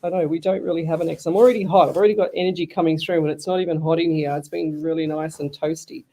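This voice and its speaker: An Australian woman hosts a live radio show as a psychic medium, talking in a chatty, rambling way and frequently restarting her sentences. Her voice is deep, steady and mellow, and she speaks at a racing pace.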